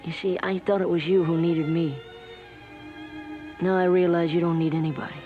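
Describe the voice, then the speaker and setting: A young actor playing an earnest, gentle young man who speaks softly and pleads hesitantly, in 1960s TV western acting. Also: a little high, flat delivery, normal speed, lightly acted. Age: young adult. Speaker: young singer visiting his uncle. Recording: dull vintage TV soundtrack with music.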